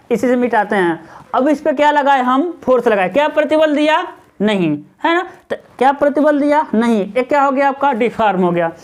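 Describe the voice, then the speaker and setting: A male teacher giving a classroom lecture, firing questions at his students and answering them himself, and tagging on short check-in questions. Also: very high voice. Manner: keeps adding a tag question.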